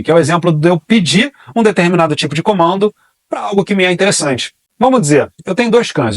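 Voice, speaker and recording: Brazilian male dog trainer, quick and fairly high voice, dry close sound, rhetorical teaching style. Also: no echo. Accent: Brazilian Portuguese. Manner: explanatory, repeats key phrases, asks and answers own questions. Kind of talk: online training class.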